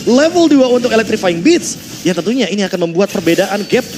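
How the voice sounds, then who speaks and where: Fast, high-voiced Indonesian male esports analyst. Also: very animated, music in the background. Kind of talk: analytical live match commentary. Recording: clear background noise behind the voice.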